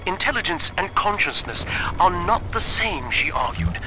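An actor playing a polite, melancholy mad scientist turned monster in a video game, speaking in a formal, theatrical way. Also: male voice, high-pitched, sing-song, normal speed, over music, poor audio. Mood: lofty, wistful. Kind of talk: scripted video game voice acting.

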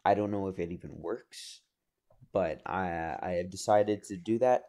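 A man's voice: deep voice, a little slow, warm tone. A man recording a casual voice-over commentary for his own gaming video, explaining with plenty of fillers. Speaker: video creator and editor.

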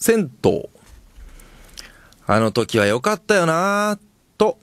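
Lively Kansai-accented man on comedy radio. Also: on the high side, creaky, dry recording. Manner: lively quick-witted comic retorts, often laughing. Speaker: radio host. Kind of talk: comedy radio chat, reading listener submissions.

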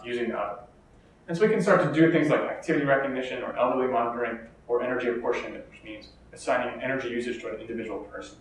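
An American keynote speaker with a medium-pitched voice lectures at a conference, explaining steadily but with the odd filler and restart. There's a little hiss or hum, and the distant mic catches the echo of the lecture hall.

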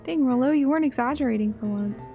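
A woman's voice: sits high, quick pace, highs cut off, faint music behind. A woman reading the lines of a curious young boy detective in an eager, matter-of-fact manner.

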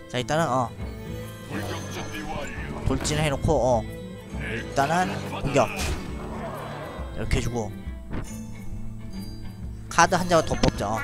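Music runs behind a man's live card-game stream as he chats with viewers and reasons through his moves out loud, giving frequent little laughs. He speaks at a medium pitch, slowly, pausing often.

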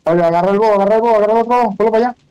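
A Venezuelan-accented gaming streamer chats casually with teammates, slangy and bossy, repeating his instructions. His high, smooth voice is very fast, and the audio sounds dull.

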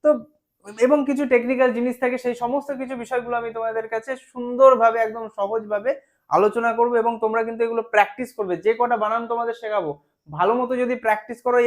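A man teaching a spelling lesson, explaining patiently step by step, slowing down to spell words out and often checking "right?". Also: very high voice, fairly even intonation.

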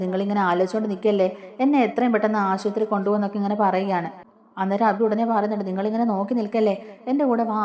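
A woman hurries through a casual recap of a TV serial episode, chatty and quick. She keeps turning to the listener with little tag words as she goes. Her voice sits at an ordinary middle pitch. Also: a little mellow.

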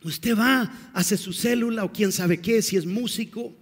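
High-voiced, husky preaching man. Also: measured pace, long reverb tail. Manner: dramatic preaching with rhetorical questions to the congregation. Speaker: pastor. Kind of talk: sermon.

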